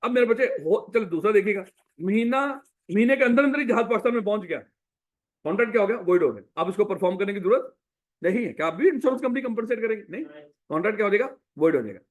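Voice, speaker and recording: A man's voice: high voice, animated, quick pace. A man teaching a revision class in business law. He asks the class questions, answers them himself, and calls the students "my child". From Pakistan.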